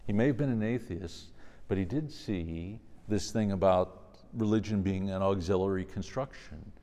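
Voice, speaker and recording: Low voiced guy, priest doing a thoughtful talk and prayers, big echoey hall reverb. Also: normal speed, mellow. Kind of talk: religious lecture and prayer. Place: large reverberant indoor room.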